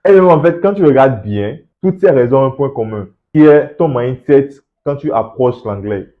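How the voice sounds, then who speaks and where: A man talks straight to the viewer in a motivational coaching tone. He asks rhetorical questions and repeats words for emphasis. His voice sits at an ordinary middle pitch and comes through a slightly dull, lo-fi recording. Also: animated, normal speed. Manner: encouraging, rhetorical questions, repeats words when stressing a point. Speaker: host of an English-learning channel. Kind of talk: motivational talk to camera, addressing the viewer directly.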